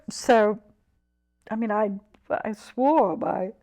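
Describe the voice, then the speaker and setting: A woman in her eighties from England, a poet talking haltingly about her life and reading her own poems in an interview. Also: on the high side, a little mellow. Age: 80s. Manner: halting, restarts often, vivid when reading. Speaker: poet guest.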